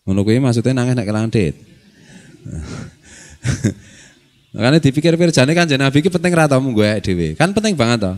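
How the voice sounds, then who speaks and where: Low-voiced Javanese cleric, jokey. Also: male voice, darkish tone. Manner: jokey, laughs often, mixes local and Arabic phrases. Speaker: Islamic scholar teaching a study circle. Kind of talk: casual religious lecture.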